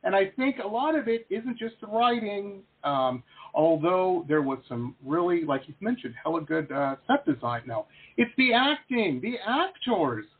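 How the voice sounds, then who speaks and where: A man's voice: high-pitched, very animated, moderate pace, husky. A man hosting an interview show, chatting casually, enthusiastic and rambling. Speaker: podcast host. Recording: tinny phone-like line.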